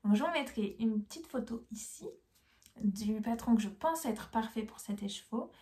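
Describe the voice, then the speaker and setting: A woman's voice: a little high, lively intonation, normal speed, mellow. A young woman, chatting enthusiastically about her knitting purchases in a casual vlog. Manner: chatty and enthusiastic, many fillers. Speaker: knitting vlogger. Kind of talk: casual haul video.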